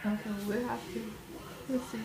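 Middle-aged woman, somewhat high voice, casual chat in an echoey room. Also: flat delivery, normal speed, creaky. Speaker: mother filming her son. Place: small dental treatment room, behind the phone camera.

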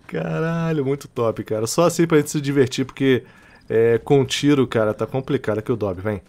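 A man with a Rio de Janeiro Brazilian accent giving casual, excitable gameplay commentary, taunting enemies and laughing as he plays. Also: mid-range voice, a little fast. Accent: Brazilian Portuguese, Rio de Janeiro. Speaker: gaming channel host.

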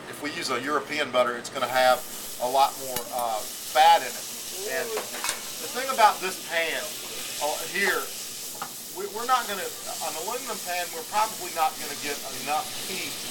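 Rambling male cooking teacher, distant mic. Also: a little high. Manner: rambling, repetitive, checks in with "okay?". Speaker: culinary teacher. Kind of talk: classroom cooking demonstration. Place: school teaching kitchen, indoors. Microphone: camera mic from a few feet away. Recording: distant camera audio with air-conditioning hum.

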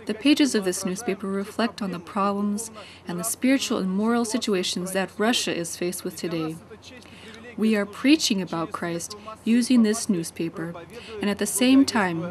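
Earnest woman narrating a church voice-over. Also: mid-range voice. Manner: earnest, measured preaching tone. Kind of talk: read church introduction voice-over.

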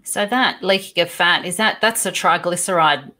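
A woman's voice: lowish voice, moderate pace, sharp tone. Woman hosting a conversational podcast. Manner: conversational, earnest questioning. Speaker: podcast host. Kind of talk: podcast interview.

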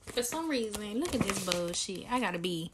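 A woman's voice: mid-range voice, lively intonation, normal speed, heavy background noise. Chatty young woman from Maryland. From Maryland, USA. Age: 20s. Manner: chatty, candid, slangy. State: tired. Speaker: vlogger and lash business owner. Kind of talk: casual Q&A vlog.

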